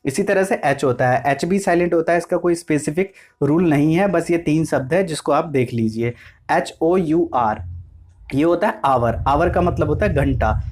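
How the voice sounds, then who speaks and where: A man with a slightly raised voice teaches basic English. He goes slowly and repeats himself, spelling each word out letter by letter before he explains it. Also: a little high. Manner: slow and repetitive, spelling words out letter by letter. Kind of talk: explanatory lesson.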